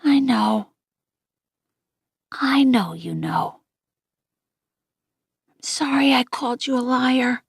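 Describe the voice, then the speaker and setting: A woman voicing a gentle, tearful young boy who asks soft, pleading questions in a husky voice. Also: sits high, animated, takes it slowly, long pauses, no echo, clean studio sound, full character voice. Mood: wondering.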